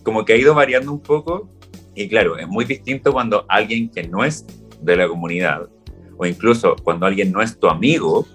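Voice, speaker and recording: A man's voice: fairly low pitch, a little fast, soft background music. Casual Chilean man telling stories. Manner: relaxed storytelling, acts out quoted lines. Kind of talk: casual chat.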